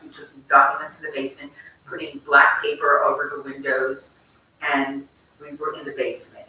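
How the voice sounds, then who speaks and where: An older woman telling a personal story to a group, chatty and animated, often breaking off mid-sentence and laughing. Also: sits low, recorded from a distance, a little hiss or hum. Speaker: congregant sharing a memory. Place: large community room at a congregation. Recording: echoey room recorded from afar.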